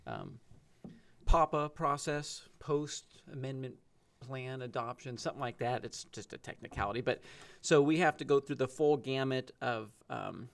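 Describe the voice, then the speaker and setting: A man, the city's planning director, explaining technical procedure at a council work session, measured and sprinkled with ums. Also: mid-range voice, gravelly.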